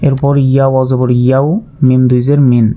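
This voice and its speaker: A man's voice: mid-range voice, little pitch movement, normal speed. A man teaching Quran reading, spelling out letters and vowel marks one by one, then drawing out the sounds. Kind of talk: slow step-by-step recitation lesson. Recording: slightly dull lo-fi sound.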